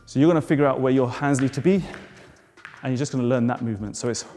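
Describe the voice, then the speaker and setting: A man teaches a jump rope move step by step, slightly out of breath and offering encouraging cues. His medium-pitched voice is fast and dark-toned, recorded with hall reverb and faint music.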